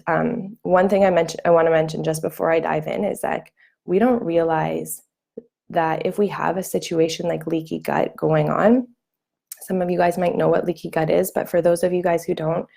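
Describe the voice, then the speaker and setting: A young woman talks to viewers on a live stream in a loose, chatty way, leaning on fillers. Her voice is gravelly and quite dark, sitting a little low. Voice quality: gravelly morning voice. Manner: chatty, many fillers and restarts. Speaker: wellness coach hosting a live training.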